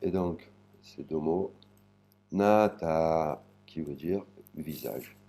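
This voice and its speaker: A man with a very deep, dark voice gives a language lesson. He speaks slowly and spells out each sound and syllable with care. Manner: slow, spells out sounds one by one. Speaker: Thai language teacher. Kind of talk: spoken lesson.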